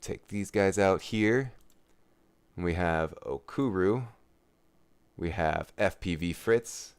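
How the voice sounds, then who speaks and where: A man calls a drone race live in a low, deep voice. His tone is smooth and clear. He chats and jokes casually with the pilots between heats. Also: slow pace. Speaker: race commentator.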